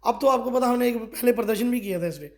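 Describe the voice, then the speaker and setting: A middle-aged man from Kathua speaks in a notably high voice. He is a district party official giving a local news interview. He presses his complaints forcefully and leans on rhetorical questions. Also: fast talker. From Kathua, Jammu and Kashmir.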